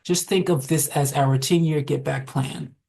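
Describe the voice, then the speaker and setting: A woman's voice: sits low, fairly even intonation, a little slow, vocal fry, mellow. A man doing a sly, playful young woman.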